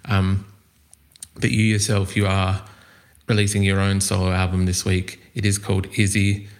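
An Australian man hosts a music podcast, chatting with a guest in a casual interview. He sounds friendly but hesitant, with fillers and restarts, speaking at a moderate pace in a low voice with a completely flat delivery.

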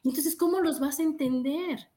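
High-voiced chatty woman, echoey room. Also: normal speed. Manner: chatty, animated storyteller acting out quotes. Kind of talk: casual conversation about parenting.

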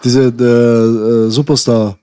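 A man in a casual interview, talking in a loose, relaxed way. He laughs often and restarts his sentences as he goes. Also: mid-range voice, slow, clean tone. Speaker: rapper guest.

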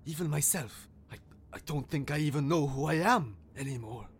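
A man's voice: fairly high pitch, moderate pace, slight background noise, pitched above the performer's own voice, natural voice. A man voicing a loyal, brave lion who speaks thoughtfully and hesitantly. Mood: reflective.

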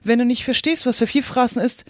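A reader voicing a bossy, impatient griffin who talks loudly and bluntly in a storybook reading. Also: medium pitch, fast, dry recording, studio quality, voice pushed up, lightly acted. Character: gruff bossy griffin from a fairy tale. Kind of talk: reading a children's classic aloud.

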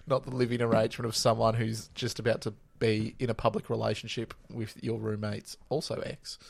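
A man with a mid-pitched, gravelly voice trades sarcastic quips about a dating show. The recording is dry and close-miked. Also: level tone, normal speed, dry recording. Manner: wry, sarcastic asides. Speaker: podcast co-host. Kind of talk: casual chat recapping a reality show.

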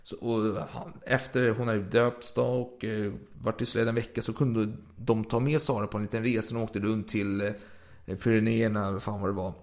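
A man in a casual podcast chat, retelling a story in a relaxed, hesitant way with many fillers. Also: fairly low pitch. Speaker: co-host.

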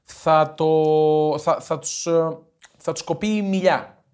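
A man's voice: a little high, steady tone, darkish tone, clear, resonant tone. Playful, stammering male podcast host. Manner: playful, joking, stumbles and repeats words. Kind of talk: casual podcast chat about football.

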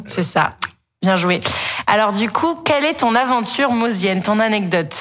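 A woman's voice: mid-range voice, lively intonation. Upbeat woman hosting a podcast. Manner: upbeat, slangy, quick encouraging replies. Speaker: podcast host. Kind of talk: casual interview.

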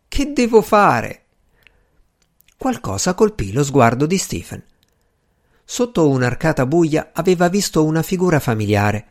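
A man reads a novel aloud as an audiobook narrator. His delivery is calm and even, with mid-range pitch.

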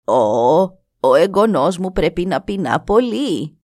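Woman doing a deep-voiced knowing old grandmother. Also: sing-song, a little mellow, no echo, studio quality. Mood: knowing, kindly. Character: ancient old grandmother with a magic pot.

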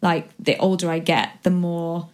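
A woman's voice: lowish voice, steady tone, a little slow, darkish tone. A woman in her twenties from West Yorkshire, chatting casually as a guest, rambling with lots of ums and likes. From West Yorkshire, England. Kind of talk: casual chat.

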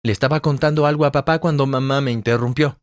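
A man narrating a first-person story in a plain, brisk storytelling manner. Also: mid-range voice, fairly even intonation, no room sound, clean studio sound. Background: soft music.

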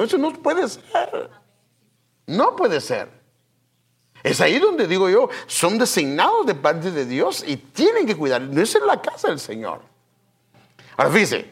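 A man preaching a sermon, talking straight to his congregation, with hushed asides that break into loud, emphatic bursts. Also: sits high, breathy edge. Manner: addresses the congregation directly, repeating "fíjese" and "hermano". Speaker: pastor.

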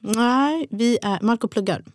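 A woman's voice: fairly high pitch, no room sound, clean studio sound. A young woman co-hosting a podcast, chatting casually and retelling stories with animation. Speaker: podcast co-host. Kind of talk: casual chat.

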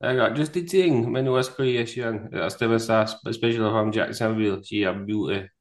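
A man's voice: on the low side, normal speed, close to an everyday voice. A man voicing a folksy, pushy spaceship salesman with homespun sales patter in an amateur script reading. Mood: pitching.

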